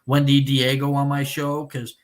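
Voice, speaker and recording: A man hosting a live stream, chatting casually and bluntly with a guest, swearing often and filling pauses with "uh". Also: medium pitch, monotone. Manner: blunt and profane, with frequent filler words. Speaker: livestream show host.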